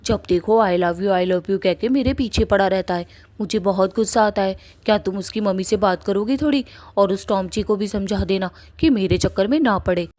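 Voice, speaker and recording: A woman's voice: mid-range voice, normal speed, darkish tone, lightly acted. A feisty young woman snaps and threatens in a mid-range voice, as a woman acts her out. Her talk is blunt and scolding. The sound is that of a cartoon voice track. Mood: complaining.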